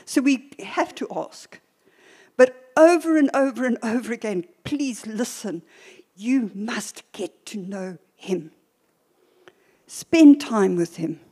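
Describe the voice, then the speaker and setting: An older woman preacher teaches a church sermon deliberately and emphatically, using short pauses and repeating phrases. Her mid-range voice has a dark tone and a breathy edge.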